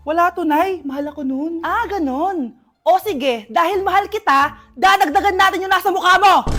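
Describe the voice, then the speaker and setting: A woman with a very high voice performs comedy skits, playing several bickering parts with big, exaggerated reactions and sudden shouts. Faint music plays behind her. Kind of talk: comedic skit acting.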